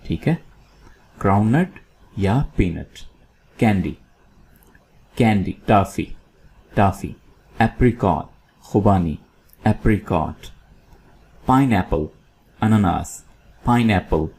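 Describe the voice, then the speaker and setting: A man teaching English food words in Urdu, repeating each word slowly for learners to copy. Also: fairly low pitch, a little mellow, a little hiss or hum. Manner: slow, drilling words by repetition. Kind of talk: vocabulary lesson in Urdu.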